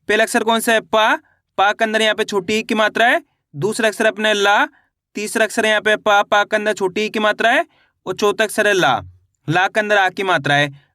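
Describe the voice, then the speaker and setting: A man's voice: high voice, sharp tone, no room sound, clean studio sound. A man teaching a beginner class, asking questions and answering them himself, over and over. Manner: repetitive, asks and answers own questions. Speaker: Hindi teacher. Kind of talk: online lesson.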